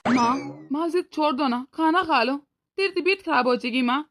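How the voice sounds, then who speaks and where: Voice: high-pitched, a little fast, a bit bright. A voice actor playing an anxious young husband and son in a cartoon, torn between wife and mother. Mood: coaxing. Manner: pleading, anxious. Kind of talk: cartoon voice acting.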